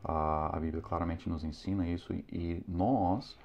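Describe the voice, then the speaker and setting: A man teaching parents in an earnest, moralizing way, pausing often with hesitant fillers. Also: low voice, fairly even intonation, darkish tone. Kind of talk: preachy instructional talk. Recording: slightly dull lo-fi sound.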